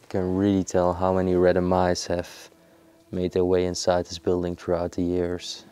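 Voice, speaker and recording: A young man narrating an exploration vlog in an abandoned house, curious and hushed as he handles old objects. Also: deep voice, monotone, moderate pace, clean tone. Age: young adult. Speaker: urban explorer.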